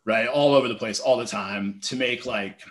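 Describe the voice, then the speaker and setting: A man in his thirties telling stories as a podcast guest, lively and conversational, acting out his own thoughts with lots of "like". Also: mid-range voice, normal speed. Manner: animated, storytelling, acts out quoted thoughts, heavy use of "like". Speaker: podcast guest, public speaking teacher. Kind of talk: casual conversational interview.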